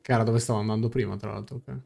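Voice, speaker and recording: A young adult man with an Italian accent livestreams from a small room at home, casually commenting on and translating a game while its music plays faintly behind. His voice is low, warm and steady, very fast, with vocal fry.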